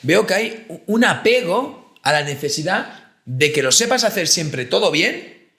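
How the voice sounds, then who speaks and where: A man, co-hosting a casual talk show and telling stories with lively acted-out quotes. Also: high voice, unhurried, roomy sound. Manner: animated storyteller, acts out quoted voices. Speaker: podcast co-host, therapist. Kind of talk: casual conversation.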